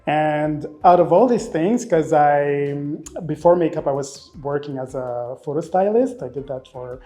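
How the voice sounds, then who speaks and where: Fairly high in pitch and measured in pace, this man in his thirties was born in Rwanda and grew up in Belgium. He works as a makeup artist and talks casually and expressively in an interview, repeating words while he gathers his thoughts.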